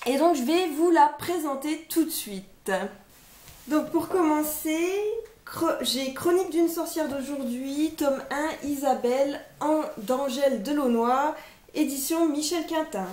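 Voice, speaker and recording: A young woman with a high voice talks slowly and hesitantly, stopping often on fillers as she works through a list of books. She sounds like she is in an echoey room with a faint hiss behind her. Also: a little mellow. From France. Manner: hesitant, many fillers, lists titles one by one. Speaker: book vlogger. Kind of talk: casual chat presenting books.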